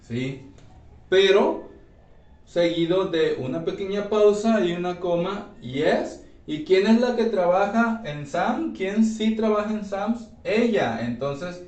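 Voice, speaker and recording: Guy teaching a grammar class, takes it real slow, keeps checking everyone's following, roomy echo. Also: sits high, expressive, darkish tone. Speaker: English teacher. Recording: echoey room, voice from far off.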